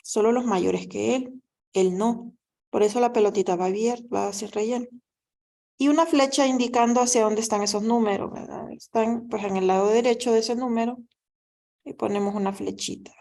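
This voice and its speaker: A woman teaches math in a recorded lecture, her fairly high voice creaky and mellow, with fairly even intonation and a moderate pace. Patient and explanatory, she works step by step and often asks "¿verdad?" to check in.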